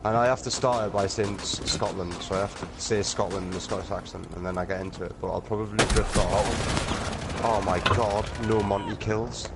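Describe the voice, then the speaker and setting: A man with a Welsh accent chatting casually over a headset while gaming, joking in a dry, low-key way. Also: fairly even intonation, normal speed, very noisy.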